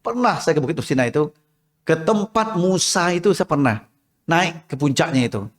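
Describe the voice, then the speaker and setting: A man preaching a mosque sermon in a storytelling way, often asking the women listening questions and acting out quoted voices. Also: a little high. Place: mosque hall. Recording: long reverb of a hall.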